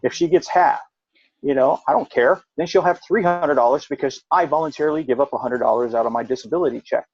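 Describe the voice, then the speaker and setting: A middle-aged man, a veteran, telling a long personal story in casual chat, rambling and jumping up in pitch when he quotes himself. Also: fast, husky, highs cut off. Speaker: podcast co-host, veteran.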